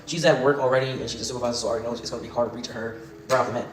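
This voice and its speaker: A young man tells a story to camera in a rapid, profane, laughing way. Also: mid-range voice, fairly even intonation. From Baltimore, USA. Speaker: storytime vlogger. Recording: echoey room with music behind.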